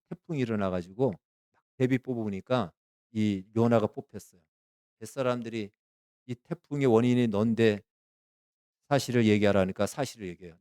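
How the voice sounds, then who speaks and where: A man preaching a sermon as pastor, emphatic and rising to loud peaks when he quotes prayers. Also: fairly low pitch, clear, resonant tone, dry recording, studio quality.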